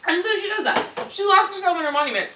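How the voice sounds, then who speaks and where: A woman's voice: extremely high pitch, animated, quick pace, bright, forceful tone, a little hiss or hum. A drunk young woman giving a rambling, slangy comic retelling, often laughing. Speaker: storyteller. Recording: echoey room, mic at distance, faint music.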